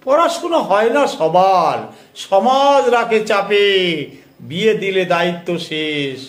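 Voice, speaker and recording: A man introducing and reciting his own rhyming poem in a measured, rhythmic way. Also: sits high, lively intonation, roomy sound. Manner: slow, measured, rhythmic verse delivery. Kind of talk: poetry recitation with spoken introduction.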